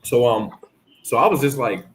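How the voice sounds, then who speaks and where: Bahamas-born guy hosting a chill convo, mid-pitched voice, lots of um and restarts. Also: expressive, moderate pace, poor audio. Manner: rambling, many restarts and fillers. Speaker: host. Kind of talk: casual chat.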